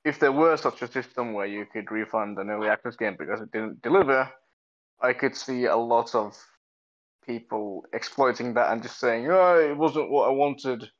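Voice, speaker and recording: A man's voice: mid-range voice, moderate pace. Wry man on a dull lo-fi mic. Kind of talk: casual chat.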